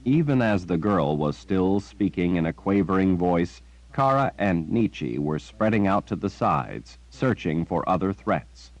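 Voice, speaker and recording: A man reading a fantasy novel as audiobook narrator, in measured scripted narration. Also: low-pitched, darkish tone, no echo, muffled recording.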